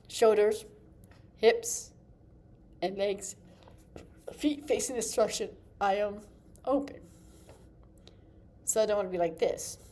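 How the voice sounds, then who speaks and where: A woman's voice: medium pitch, a little mellow, slight background noise. Chatty woman teaching on-camera acting. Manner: chatty, demonstrates with her body, trails off and restarts. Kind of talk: casual on-camera acting lesson.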